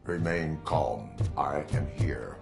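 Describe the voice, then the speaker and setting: Casting: cyborg cop, very deep, measured and commanding, game audio over music. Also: male voice, creaky, heavily acted. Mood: calm command. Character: stern male cyborg police officer.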